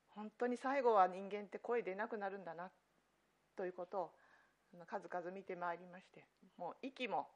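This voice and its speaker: Give me a woman pastor preaching an earnest sermon, with loud stresses and soft, quiet endings. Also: medium pitch.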